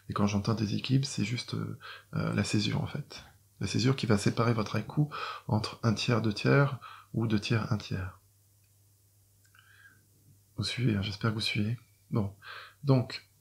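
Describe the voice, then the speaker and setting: A middle-aged French man, both doctor and poet, explains to viewers how he composes classic Chinese verse. He hesitates a lot, with many fillers and restarts. His voice is fairly low and creaky.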